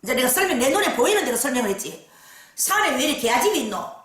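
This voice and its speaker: A woman fortune teller with a Gyeongsang accent telling the story of a client in lively dialect, with many fillers. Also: sits high, rapid-fire, distant mic. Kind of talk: storytelling case account. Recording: very echoey room.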